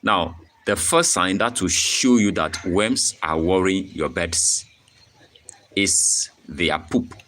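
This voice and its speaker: A young Ghanaian man, a poultry farmer who hosts his own channel, leads a live-stream farming tutorial in Ghanaian English. His low voice is animated, slow and a bit bright, and he explains step by step, repeats himself, reads the chat aloud and keeps checking in with "okay?". There is slight background noise.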